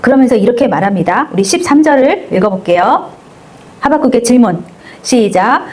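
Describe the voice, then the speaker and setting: Higher-voiced woman preaching a sermon. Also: animated, brisk, a little mellow. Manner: conversational, acts out quoted speakers with rhetorical questions. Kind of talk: Bible-teaching sermon. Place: church service.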